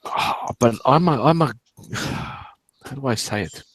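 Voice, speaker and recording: A man's voice: mid-range voice, takes it slowly, a bit bright, dry recording. Guy from portugal hosting a stream chat, keeps restarting sentences, dry voice. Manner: hesitant, many fillers and restarts. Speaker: stream host. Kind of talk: casual online group chat.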